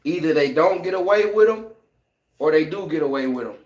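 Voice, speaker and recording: A man co-hosting a podcast in casual chat, animated and slangy, acting out lines as he talks. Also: a little high, a little fast, lo-fi sound, a crowd in the background. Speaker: podcast co-host. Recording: echoey room.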